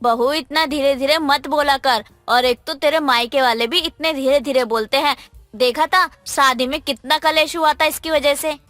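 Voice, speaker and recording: An impatient, sharp-tongued mother-in-law nags and scolds, voiced by a woman. The voice is high-pitched, over faint background music in this animated tale. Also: normal speed, no room sound. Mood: scolding. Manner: scolding, nagging. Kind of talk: animated moral story dialogue.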